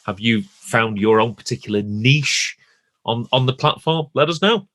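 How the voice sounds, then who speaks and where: A man's voice: medium pitch, normal speed, fairly bright tone, dry recording. A man chatting casually as a podcast co-host, often restarting phrases as he thinks aloud.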